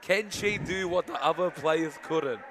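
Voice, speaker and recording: A man's voice: on the high side, unhurried, a bit bright, a little hiss or hum. A man co-commentating a live match from the commentary box, eager and urging the players on.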